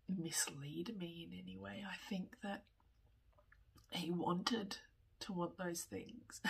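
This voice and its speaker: A woman in her thirties, tearful with a running nose, talking candidly in a personal vlog, often in a breathy whisper and pausing as she goes. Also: mid-range voice. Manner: slow, halting, candid, with small laughs. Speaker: vlogger.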